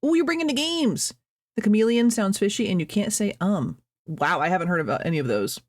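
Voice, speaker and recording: A young woman chats casually with her stream chat from home, rambling along and laughing often as she reads messages aloud. Her voice sits at an ordinary middle pitch. The sound is dry, with no room echo. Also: lively intonation, brisk. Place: at home, birds outside.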